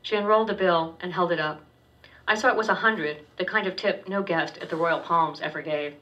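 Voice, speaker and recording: This is a literary reading of first-person fiction, given by a woman author at a university poetry center's public event. She reads briskly in a steady, wry manner, occasionally stumbling, her bright, slightly low voice picked up from a distance on a dull, lo-fi recording.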